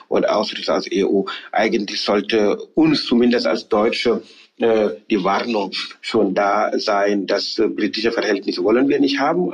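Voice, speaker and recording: A man from Senegal, a parliamentarian answering interview questions in a halting way full of hesitations and restarts. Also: fairly low pitch, slightly rough, highs cut off. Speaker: member of parliament interviewed as guest. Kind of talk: political interview.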